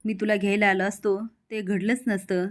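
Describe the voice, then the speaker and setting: A woman's voice: mid-range voice, level tone, moderate pace, close to an everyday voice. A woman voicing a remorseful village man who laments and blames himself. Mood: grieving. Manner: lamenting, self-blaming.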